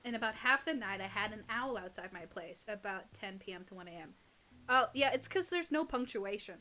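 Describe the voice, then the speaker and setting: A woman who hosts and reads online horror stories co-hosts a casual reading, bantering and teasing her co-host playfully. Her medium-pitched voice is expressive and a little fast, with a sharp tone.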